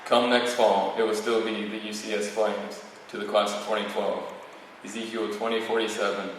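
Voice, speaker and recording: A man's voice: on the low side, level tone, normal speed. A young man, about eighteen, delivering a prepared podium speech as a student valedictorian, reading with occasional stumbles. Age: young adult, about eighteen. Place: large reverberant room, speaking to an audience. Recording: very echoey hall, distant mic, faint noise.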